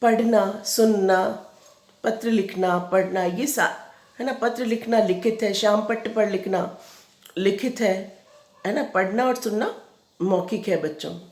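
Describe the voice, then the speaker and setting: A woman's voice: medium pitch, a little mellow. Woman teacher with a Rajasthani Hindi accent, patient lesson for small kids, echoey room. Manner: patient, explains slowly, often asks "है ना?". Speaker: school teacher. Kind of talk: Hindi grammar lesson for young children.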